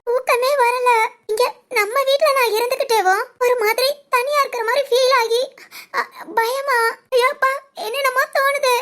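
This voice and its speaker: Woman doing a squeaky high young daughter, teary and pleading, scared to leave home. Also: steady tone, normal speed. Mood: tearful. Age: young adult. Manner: soft, pleading, emotional. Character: tearful young adult daughter, anxious about leaving home. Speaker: daughter in a family drama. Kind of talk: amateur village family drama.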